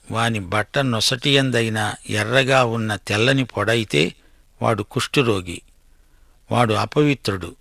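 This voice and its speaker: A man's voice: medium pitch, gravelly, fairly bright tone, dry recording, clean studio sound. A man preaching a sermon, reading out Bible verses and then putting pointed questions straight to his listeners.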